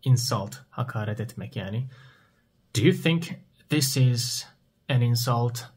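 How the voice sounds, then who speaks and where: A man teaches at a very unhurried pace. His voice is husky and mid-pitched. He asks a question, pauses, and then answers it himself in simple words. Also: lively intonation, a little mellow. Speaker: English teacher. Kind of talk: slow question-and-answer language lesson.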